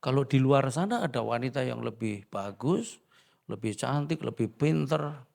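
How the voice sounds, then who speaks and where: A man's voice: mid-range voice, normal speed, vocal fry. A male pastor preaching a sermon, telling humorous personal stories and acting out dialogue with the congregation. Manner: animated storytelling, acts out dialogue, jokes with the congregation.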